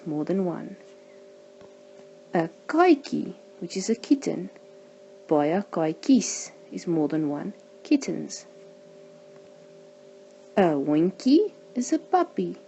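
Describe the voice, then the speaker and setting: A woman teaching a language lesson, saying each example word slowly and carefully. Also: fairly low pitch, dark tone, slight background noise, rough recording. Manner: slow, careful pronunciation of example words.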